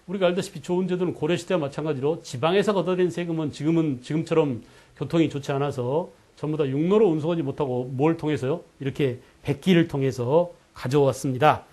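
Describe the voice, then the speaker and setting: Male history lecturer, high-pitched, drills students with quick questions and check-ins. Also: dark tone. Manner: keeps checking in with students, asking "got it?"; quizzes students with rhetorical questions. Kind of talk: online exam-prep lecture.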